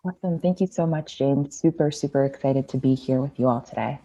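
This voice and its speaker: A woman's voice: extremely low pitch, brisk, warm tone, slightly rough, muffled recording. A nineteen-year-old woman from the Washington, D.C. area answering interview questions, earnest and eager. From Washington, D.C. area, USA. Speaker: activist guest.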